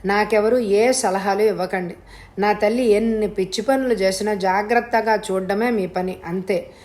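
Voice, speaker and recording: Here is a tender, doting old father with silver hair, as a woman narrator puts him on. He speaks gently and with affection, pleading softly, in a storybook reading. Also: medium pitch, steady tone, moderate pace, natural voice. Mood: stern.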